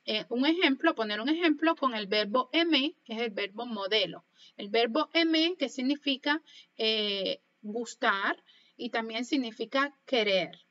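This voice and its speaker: A woman teaching a French lesson online, speaking slowly and carefully as she models pronunciation for learners to repeat. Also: fairly high pitch, bright, forceful tone, muffled recording.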